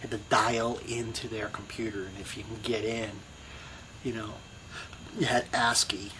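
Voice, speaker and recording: Speaking at normal speed in a lowish, level voice, a middle-aged man with a Brooklyn accent records his video blog amid background noise. The casual personal monologue wanders reflectively, with plenty of you-knows and restarts.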